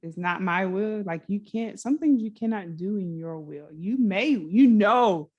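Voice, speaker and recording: A woman co-hosting a casual podcast chat. She tells stories in an animated way, slipping into the voices of the people she quotes. Her voice sits at a middle pitch for a woman. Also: measured pace, lo-fi sound. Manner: animated storyteller acting out quotes. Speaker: podcast co-host.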